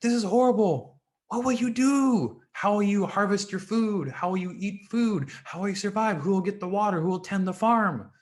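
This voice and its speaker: A man voicing a crowd of excitable villagers from an old parable, exclaiming loudly in a raised voice. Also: moderate pace, hardly any pauses. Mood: alarmed. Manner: high, loud, breathless exclaiming. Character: excitable, fretful ancient Chinese villagers.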